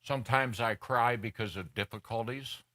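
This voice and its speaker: A man's voice: medium pitch, normal speed, pushed and bright. A middle-aged man preaching a personal, story-driven sermon as a pastor in a church, acting out the voices of people he quotes. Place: church sanctuary.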